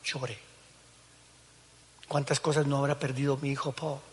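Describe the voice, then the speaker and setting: A middle-aged male pastor, preaching a dramatic sermon that swings from hushed tones to shouts. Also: mid-range voice, flat delivery, measured pace, husky. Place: large church hall. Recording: echoey church hall.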